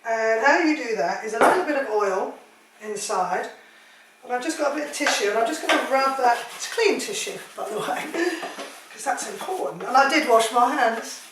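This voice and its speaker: A home cook gives a chatty, rambling cooking demonstration in her kitchen, throwing in jokey asides. Her voice is on the high side with lively intonation and a moderate pace. The kitchen echoes, with dishes clattering and other noise around her.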